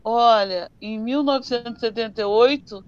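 High-voiced older woman telling stories. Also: normal speed, smooth. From southern Brazil. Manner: animated storyteller who acts out dialogues. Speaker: interviewee recalling her working life. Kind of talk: oral history interview. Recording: slightly dull, dry recording.

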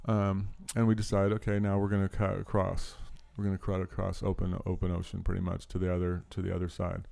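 Guy with a lowish voice telling a wild story on a podcast, swears a lot, laughs along. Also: monotone, a little fast, vocal fry, mellow. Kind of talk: casual storytelling chat.

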